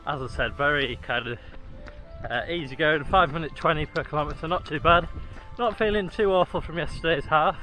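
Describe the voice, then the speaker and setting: A man's voice: fairly high pitch, brisk, sharp tone, soft background music, poor audio. A man chatting casually to his viewers while he jogs outdoors. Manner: talking while jogging. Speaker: running vlogger. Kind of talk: casual vlog talk to viewers. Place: outdoors, on a run.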